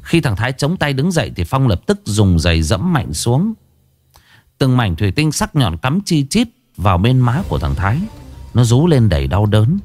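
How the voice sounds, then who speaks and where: A man narrating a horror story in a dramatic, expressive reading. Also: mid-range voice, normal speed, no echo, faint music behind.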